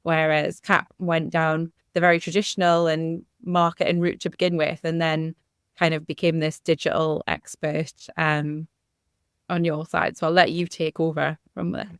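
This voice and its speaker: A woman with a Northumberland accent tells her story casually. Her voice is smooth and clear with a gravelly fry, and her pitch stays fairly even. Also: normal speed, no echo, clean studio sound. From Northumberland, England. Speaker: podcast guest, marketing consultant.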